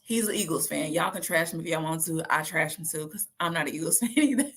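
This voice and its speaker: A woman, talking casually and lively to her viewers and acting out the voices she quotes. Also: sits low, fast talker, husky. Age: 30s. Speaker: host.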